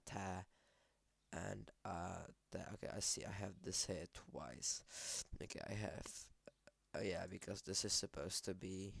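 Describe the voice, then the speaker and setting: A man's voice: low-pitched, creaky, fairly bright tone, no room sound. A man with a Czech accent whose first language is Czech. He casually walks through a screen-shared project, hesitating often and correcting himself mid-sentence. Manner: hesitant, many fillers and self-corrections. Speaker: language creator explaining his project.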